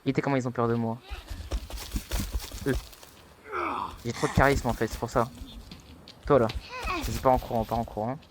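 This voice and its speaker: A young man giving casual let's-play commentary, taunting and excitable, with sudden high-pitched yelps. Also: normal speed, pauses often, noisy background. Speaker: gaming youtuber.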